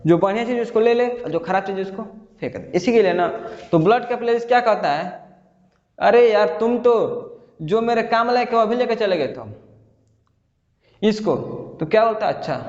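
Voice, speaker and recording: High-voiced male teacher in a roomy hall. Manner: repeats questions and checks understanding often. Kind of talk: explaining a school science lesson. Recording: dull roomy audio with reverb.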